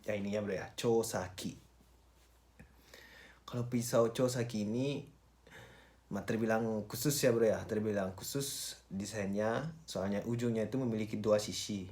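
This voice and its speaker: A man presenting like a casual vlogger, informal and halting, switching between languages and often repeating himself. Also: lowish voice, a little mellow. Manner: informal, halting, repeats phrases and address tags. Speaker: vlogger and cook.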